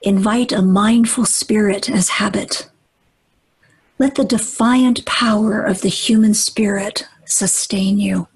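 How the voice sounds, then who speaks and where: A woman guides a meditation gently and deliberately, leaving long pauses, her breathy, husky voice often close to a whisper. Her pitch is medium and her tone steady, though the recording quality is low.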